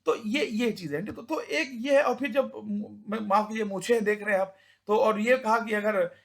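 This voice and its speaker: A young man with a high voice and a gravelly edge talks informally, looping back on himself with restarts and repeated words. He slips into a rough rustic voice when he acts out elders from his village. The delivery is loose and unscripted. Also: moderate pace. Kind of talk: informal spoken talk.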